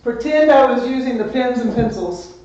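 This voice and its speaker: A man's voice: extremely high pitch, moderate pace, darkish tone, slight background noise. Man, math teacher, chatty, upbeat, very echoey room, distant muffled mic. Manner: chatty, upbeat, greets students by name. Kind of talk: live-streamed class lesson.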